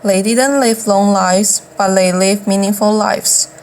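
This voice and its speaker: A woman's voice: medium pitch, fairly even intonation, unhurried, darkish tone, slight background noise, rough recording. A woman delivering a eulogy as a formal, oratorical speech, occasionally stumbling over a word. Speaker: speaker delivering a famous eulogy.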